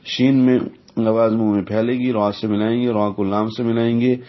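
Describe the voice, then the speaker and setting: A man teaching the rules of Quran recitation, explaining slowly and methodically and pausing to recite example verses. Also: medium pitch, level tone. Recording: dull lo-fi recording.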